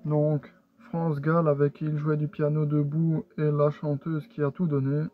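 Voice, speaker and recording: A man's voice: on the high side, little pitch movement, unhurried. A man casually showing his purchases in a haul video, talking hesitantly with many fillers and restarts. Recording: tinny lo-fi sound with faint music.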